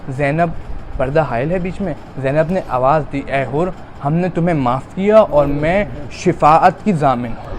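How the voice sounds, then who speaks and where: Preacher in a rising lament. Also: male voice, on the high side, a little hiss or hum. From Pakistan. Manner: recounts dialogue and rises to a loud, drawn-out lament. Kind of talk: Muharram majlis sermon.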